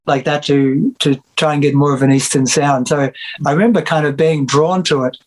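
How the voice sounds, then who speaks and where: Heard on poor audio, a middle-aged man from Victoria, Australia, talks casually about his music as an interview guest. He is a musician and music teacher with a slightly high voice, fairly even intonation and a moderate pace, and his speech has many fillers and restarts.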